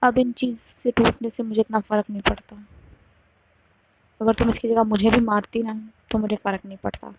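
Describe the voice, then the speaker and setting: A woman's voice: a little high, level tone, moderate pace, background noise, close to an everyday voice. A woman voicing a young woman who is tired and bitterly cold in a storytime love drama. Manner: curt, pleading then cutting.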